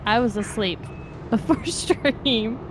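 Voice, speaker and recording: A woman's voice: a little high, expressive, slow, noisy background. Wry tired-sounding woman on game chat. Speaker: friend playing along on stream. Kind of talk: casual gaming chat.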